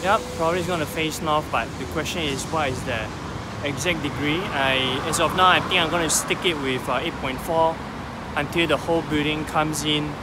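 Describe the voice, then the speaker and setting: A man's voice: on the high side, moderate pace. A man, a feng shui consultant thinking aloud in a selfie vlog outdoors, filmed on a phone held at arm's length. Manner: explanatory, thinks aloud with fillers. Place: outdoors by a busy road. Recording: loud street traffic noise behind.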